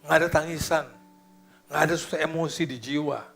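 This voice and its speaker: A middle-aged male pastor preaching, dropping into hushed, slow musing and rising to loud, high exclamations, with English phrases mixed in. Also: fairly even intonation, vocal fry. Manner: slips into English phrases and sings softly. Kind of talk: sermon. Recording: faint guitar music behind.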